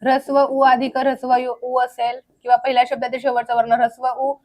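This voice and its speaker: A young woman teaching a grammar lecture, drilling terms slowly and asking the class questions that she then answers herself. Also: high voice, flat delivery, a little mellow.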